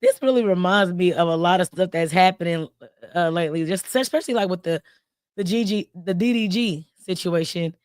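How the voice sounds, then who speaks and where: A woman's voice: on the low side, fairly quick, darkish tone, no room sound, studio quality. A woman hosting a casual gossip stream, giving blunt and slangy commentary. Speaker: host.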